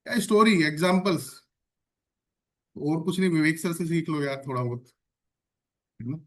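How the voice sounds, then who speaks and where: With a slightly high voice and a moderate pace, a man conducts an online sales training session. His delivery is energetic, full of repeated phrases and questions aimed at his trainees.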